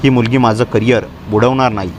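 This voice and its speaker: A man's voice: mid-range voice, steady tone, a little fast, slight background noise, lightly acted. A man voicing a cruel, scheming male college lecturer who sneers and threatens. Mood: sneering.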